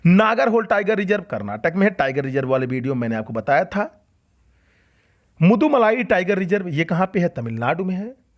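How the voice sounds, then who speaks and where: A man's voice: high-pitched, sing-song, brisk. A man teaching a general-knowledge lesson for exam students, asking questions and answering them himself, and repeating key facts. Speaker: coaching teacher. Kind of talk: exam-prep lecture.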